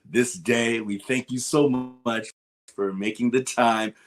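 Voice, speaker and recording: A man with a mid-range voice speaks slowly and steadily, hosting a sponsor interview for a conference. He's upbeat and emphatic, often repeating his phrases in this enthusiastic promo chat.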